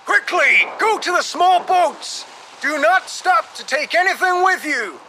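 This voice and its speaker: A man's voice: sits high, unhurried, pushed and bright, slight background noise, voice pushed up, heavily acted, low-quality recording. A man voicing a commanding, grave ship captain with an emphatic delivery in an audiobook story. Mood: urgent shouting. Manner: emphatic, short urgent orders. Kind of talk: audiobook character dialogue.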